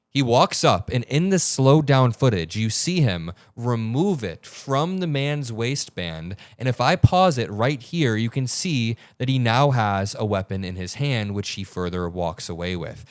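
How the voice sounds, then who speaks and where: A man's voice: fairly low pitch, smooth, dry recording. A young man hosting an online news commentary show, talking in a heated, emphatic and blunt way as he breaks down video. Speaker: political commentary host.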